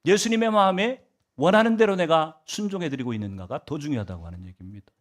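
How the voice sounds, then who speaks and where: A man's voice: on the high side, lively intonation, fast. A male pastor delivering a Sunday sermon, asking the congregation rhetorical questions and swinging his emphasis up and down.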